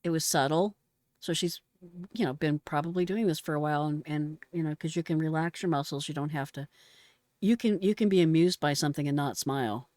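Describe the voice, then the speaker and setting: A middle-aged American woman, a retired emergency dispatcher, reacts to a call recording with blunt, exclamatory, slangy commentary in a casual tone. Her voice is deep and a little mellow, she talks a bit fast, and the studio sound is clean with no echo.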